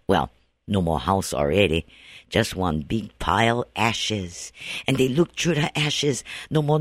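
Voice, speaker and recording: A man telling a ghost story in a Hawaiian Pidgin accent, lively and dramatic. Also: medium pitch, no echo, studio quality.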